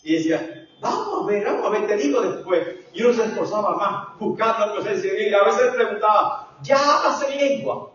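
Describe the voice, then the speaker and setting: An older man preaches with a very high, ringing voice, dropping to hushed storytelling before rising to shouted exhortation. He is heard from a distance in a very echoey church hall. The sound is dull and muffled. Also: a little fast, a little hiss or hum. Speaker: pastor. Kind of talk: sermon.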